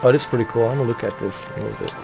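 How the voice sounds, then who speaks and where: A man's voice: mid-range voice, very fast, vocal fry, over music. A man hosting a gaming video, casually explaining technical details and circling back over his points. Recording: faint game noise behind the voice.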